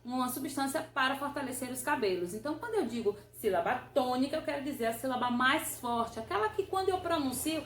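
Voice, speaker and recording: A woman's voice: high-pitched, fairly bright tone, slight background noise. A woman teacher, patiently explaining a grammar revision lesson and often checking that the listener follows. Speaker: Portuguese teacher. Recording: roomy echo.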